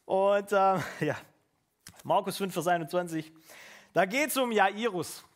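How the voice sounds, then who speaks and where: A man who is a pastor, preaching an animated, casual sermon with asides to the congregation. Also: high-pitched, measured pace.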